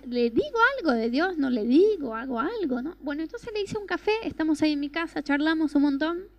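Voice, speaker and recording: High-voiced Argentine woman preaching earnestly. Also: no echo. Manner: earnest storytelling with rhetorical questions. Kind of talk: personal testimony sermon.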